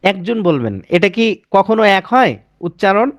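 A man teaching an online class on Arabic pronunciation. He explains slowly, repeats words and keeps checking that his students follow. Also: high-pitched, big pitch swings, no room sound, clean studio sound.

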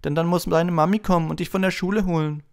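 A man voicing an arrogant, mocking schoolboy bully with a loud, cutting delivery in an audiobook reading. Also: on the high side, fairly even intonation, fast, smooth, voice pushed up, close to an everyday voice. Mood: sneering.

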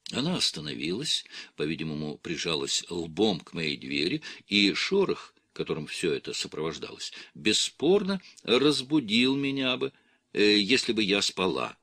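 Guy reading an audiobook, calm and measured, lively intonation, very dry mic. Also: sits low, husky, no echo. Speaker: audiobook reader. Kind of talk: scripted literary narration.

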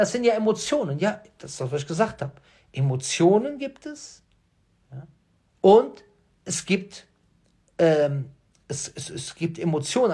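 A man with a high, husky voice and a lively, swooping pitch speaks straight to his viewers as the host of his own channel. He argues insistently, firing off rhetorical questions and hammering home his points by repeating them. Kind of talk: emphatic monologue addressing viewers.

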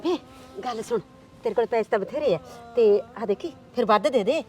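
A woman's voice: fairly high pitch, expressive, brisk, lightly acted. A woman playing a scheming middle-aged village aunt who nags, coaxes and stirs up trouble. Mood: wheedling. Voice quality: loud, nagging, coaxing. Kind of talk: village drama acting.

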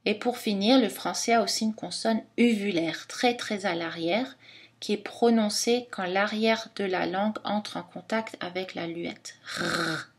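A woman teaches phonetics at an unhurried, measured pace. She pronounces each sound carefully as she demonstrates it. Her voice sits at a middle pitch. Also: breathy edge. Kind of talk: scripted lesson narration.

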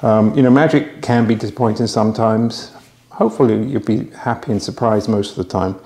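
His voice fairly low, a little mellow and a bit fast, a middle-aged man hosts a magic auction from his home bar room, the sound roomy. Talking to camera through a lapel mic, he chats in a casual promotional way, hesitating with plenty of fillers and restarts.

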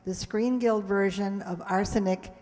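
A warm, mid-range voice with a steady tone and unhurried pace belongs to a woman in her sixties, a radio players group member offering semi-scripted closing thanks and announcements to an audience. Recorded by an audience camera from a stand microphone on a community hall stage, the sound is echoey.

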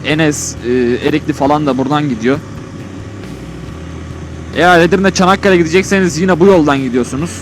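Out on an open road on his motorcycle, a man talks inside his helmet in a casual, rambling vlog, colloquially thinking aloud. His voice is a little high and brisk, with long pauses. There's a bit of hiss or hum, plus music and a vehicle on the road in the background.

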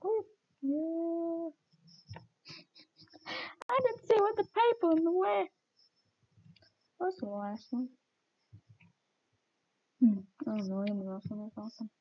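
A woman's voice: very high voice, expressive, takes it slowly, long pauses, dull audio. A woman streaming her gameplay, chatting casually and mocking herself with giggles as she plays.

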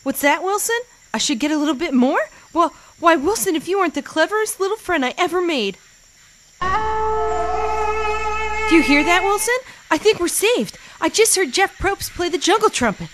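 A woman's voice: very high voice, lively intonation, moderate pace, noisy background. A woman playing a sarcastic stranded castaway who talks to her volleyball companion. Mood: excited.

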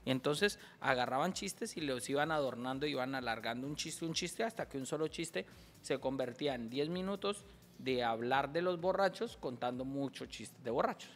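A man with a Colombian accent, a comedian hosting a casual chat and telling jokes with animated acted-out voices. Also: medium pitch, moderate pace, big-room sound. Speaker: comedian and show host.

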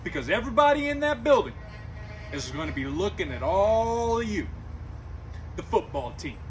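Man acting a high-pitched, commanding football coach's pep speech. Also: far from the mic, slight background noise, rough recording. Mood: worked up. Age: middle-aged. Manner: commanding pep-speech delivery, emphatic, clipped check-ins. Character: stern, blunt male high school football coach lecturing his team. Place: outdoors in a grassy backyard. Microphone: camera a few metres away.

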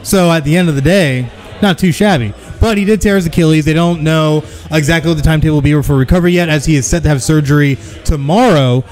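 Recording live from a taproom, a man in his thirties hosts a casual sports podcast, cracking jokes and plugging the venue in an upbeat way. His voice is on the high side, quick and a little mellow, with faint music behind him; he uses a stand mic fitted with a pop filter.

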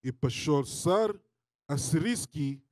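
A man preaching and reading scripture in non-native Russian with a foreign accent, halting and repeating his phrases. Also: a little high, expressive, darkish tone, no echo, studio quality. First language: not a native Russian speaker. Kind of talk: Bible teaching with scripture reading. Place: indoor studio with draped backdrop. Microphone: handheld mic held close.

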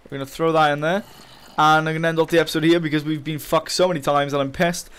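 A man's voice: a little high, little pitch movement, fast talker, fairly bright tone, smooth. A young man giving casual, frustrated commentary while playing a game, swearing often and talking to his viewers. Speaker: gaming channel host.

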